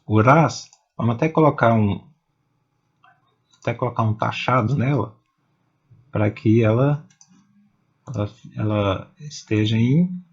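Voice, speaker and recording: A man teaches poetry at a very unhurried pace, breaking words into syllables one by one. His voice is a little husky and sits at an ordinary pitch. The recording sounds dull and lo-fi. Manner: slow, patient, spelling out syllables one at a time. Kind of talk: explaining step by step.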